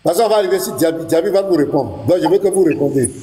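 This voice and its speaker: Male pastor hosting a live debate; high, dark-toned, pushes the same question repeatedly. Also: expressive, rapid-fire. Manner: insistent, repeats his question over and over. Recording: roomy echo.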